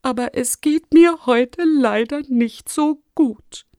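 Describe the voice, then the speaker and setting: A woman voicing a fussy, germ-obsessed male school principal in a children's storybook, strident and quick to bark orders or whimper. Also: fairly high pitch, expressive, a little mellow, dry recording, clean studio sound, voice pushed up. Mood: feeble.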